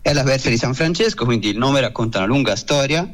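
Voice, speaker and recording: A man's voice comes through a phone line as he explains his subject to a radio host. He speaks in a steady, methodical way and lays out his points one after another. His pitch sits right in the middle for a man. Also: quick pace. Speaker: expert guest on a radio show. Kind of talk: calm informative explanation.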